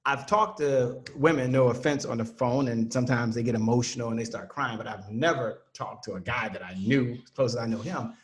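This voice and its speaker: A man's voice: mid-range voice, fairly quick, hardly any pauses. A man who trains sales teams, a guest telling a personal story in an earnest, motivational way.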